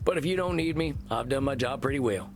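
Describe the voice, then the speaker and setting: An actor playing a steady, frank cowboy vampire therapist in a video game. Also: male voice, mid-range voice, fast, over music, close to an everyday voice. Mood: calm, reassuring. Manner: folksy, frank, gently challenging.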